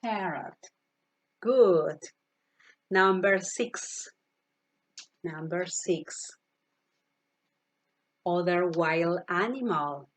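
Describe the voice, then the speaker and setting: Very slow-speaking teacher woman. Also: fairly low pitch. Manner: slow, repeats each word, asks children to repeat. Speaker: primary school English teacher. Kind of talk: online class, slow vocabulary drill. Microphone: computer mic, virtual class.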